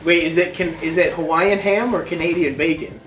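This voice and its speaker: A woman with a lowish voice speaks from behind the camera, teasing the host with playful questions. Faint music sits quietly under her casual banter. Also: a little fast. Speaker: video editor behind the camera.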